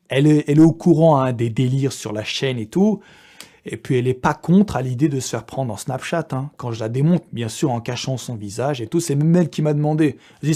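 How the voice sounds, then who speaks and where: This online video creator is a young man with a warm, slightly high voice, chatting casually with his followers. He's slangy, crude and joking, often cracking up with laughter.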